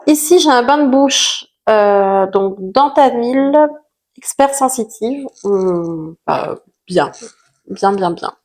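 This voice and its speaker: A woman's voice: mid-range voice, lively intonation, takes it slowly, a little mellow. A woman chatting casually to camera about used-up products, self-mocking, with lots of fillers. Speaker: vlogger reviewing finished products.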